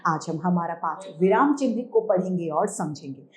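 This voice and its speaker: A woman teacher giving a grammar lesson to children. She explains step by step, asks questions and answers them herself, and reads the examples out slowly. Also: fairly low pitch, lively intonation, darkish tone, slight background noise.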